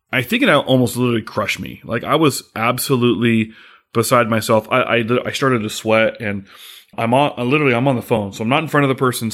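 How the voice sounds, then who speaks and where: A man hosting a sales podcast, talking casually with frequent fillers and restarts. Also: mid-range voice. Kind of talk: casual solo podcast monologue.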